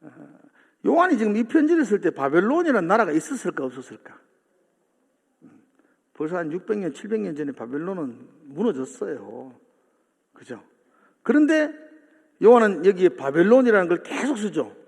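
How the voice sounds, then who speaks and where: Gravelly pastor in an echoing church. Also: male voice, sits high, very animated, normal speed, long pauses, a little mellow. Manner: questions the congregation often, seeking agreement. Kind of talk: sermon. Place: church sanctuary. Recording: long hall reverb from a church.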